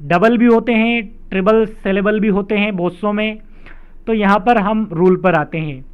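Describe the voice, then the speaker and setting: High, smooth-voiced man teaching a lesson. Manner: explains rules slowly, repeats them with examples. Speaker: English teacher. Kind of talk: spelling lesson explained step by step. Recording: dull lo-fi sound.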